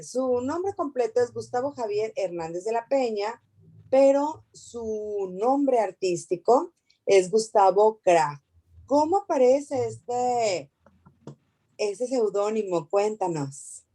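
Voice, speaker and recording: A woman's voice: on the high side, animated, slow, mellow. A woman interviewing an author, asking brief prompting questions.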